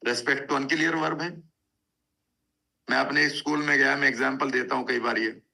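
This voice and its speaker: A man's voice: mid-range voice, steady tone, brisk, gravelly, sharp tone. A man giving a conversational motivational talk, telling stories and repeating points for emphasis. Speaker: motivational speaker. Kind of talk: motivational talk, Hindi mixed with English.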